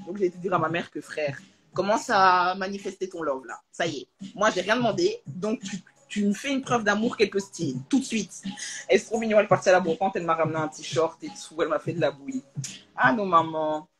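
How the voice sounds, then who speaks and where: A young adult woman chatting casually on a live stream from her room at home, animated and slangy, full of jokes and asides. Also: lowish voice, brisk, poor audio. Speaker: social media creator on a live stream. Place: at home, in a room with a closed door.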